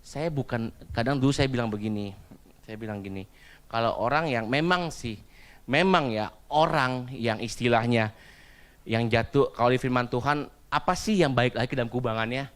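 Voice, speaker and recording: Guy in his 30s preaching, super chatty sermon, family stories, throws in english bits, middle pitched voice. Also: moderate pace, a bit bright, clean tone. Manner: chatty, mixes in English phrases and slang, acts out his child's whining. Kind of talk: casual sermon with anecdotes.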